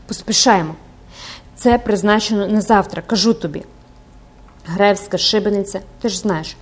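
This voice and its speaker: A woman's voice: medium pitch, lightly acted. A woman reading the lines of an obsessed, desperate middle-aged priest in an audiobook, in a pleading, passionate way. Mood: urgent.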